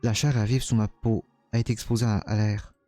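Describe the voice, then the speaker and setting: A man's voice: fairly low pitch, little pitch movement, brisk, warm tone, dry recording, faint music behind, lightly acted. Man reading as an anguished young hero. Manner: dramatic first-person reading, stumbling over words. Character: anguished young man narrating his own torment.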